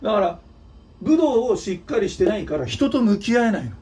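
A man's voice: high voice, very animated, fairly quick, darkish tone, far from the mic, a little hiss or hum. A man from Nagano, Japan, hosting his own channel, giving a blunt, scolding opinion monologue with mocking asides. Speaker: channel host and drummer.

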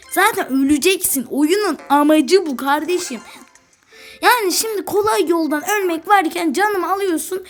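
A woman giving casual, excitable commentary while playing a video game, talking back to the game and swearing playfully. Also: very high voice. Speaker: gaming channel host.

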